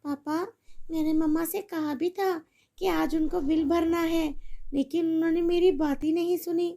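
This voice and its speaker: A woman voicing a meek schoolgirl daughter who asks politely in a soft, pleading way. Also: extremely high pitch, fairly even intonation, moderate pace, creaky, voice pushed up.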